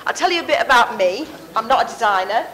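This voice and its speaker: A woman's voice: on the high side, expressive, fast talker, pushed and bright, slight background noise, low-quality recording. Earnest woman presenting at a conference. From Sri Lanka. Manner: earnest, passionate speaker. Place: conference stage indoors. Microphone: handheld mic.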